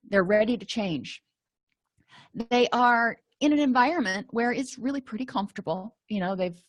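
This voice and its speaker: A woman's voice: mid-range voice, no room sound. A middle-aged woman clinician giving a conversational slide lecture while losing her voice. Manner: conversational, repeats and restarts words.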